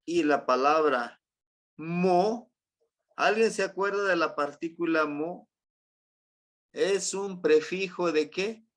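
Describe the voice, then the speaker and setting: A man's voice: a little high, slow, pauses often, fairly bright tone. A man teaching a language class in Spanish with a Mexican accent, patiently repeating words and checking that the students remember. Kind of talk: classroom lesson.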